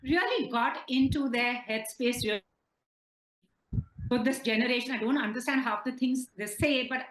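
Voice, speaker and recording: A woman's voice: fairly high pitch, moderate pace, fairly bright tone. A woman with an Indian English accent, interviewing guests conversationally in an echoey room.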